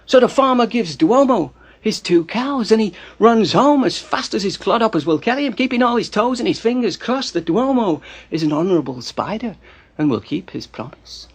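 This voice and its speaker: A man telling a folk tale with a gravelly, husky voice and theatrical, animated delivery, dropping to hushed asides. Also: high voice, moderate pace. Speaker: storyteller. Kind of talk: storytelling narration.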